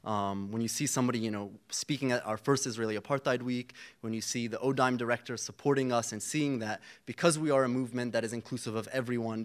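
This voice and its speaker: A young Palestinian man, a student activist, giving an earnest, rallying panel speech with frequent fillers and restarts. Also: medium pitch.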